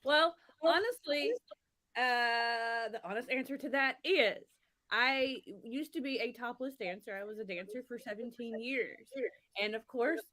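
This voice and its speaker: A woman's voice: on the high side, unhurried, a bit bright, dry recording. A woman guest on a podcast talking frankly and casually about her horror collectible store, laughing easily.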